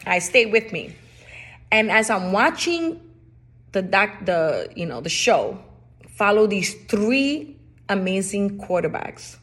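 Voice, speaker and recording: A woman with a Spanish accent hosts her own podcast in a relaxed solo monologue. She talks in a chatty, emphatic way and circles back to repeat her points. Her voice sits at a middling pitch for a woman. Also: slow pace, husky. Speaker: podcast host.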